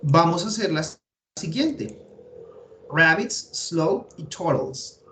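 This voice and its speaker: A man's voice: on the high side, expressive, slow pace, a bit bright, a little hiss or hum. A man with a Colombian Spanish accent, teaching an English grammar class online and explaining each step patiently while thinking aloud.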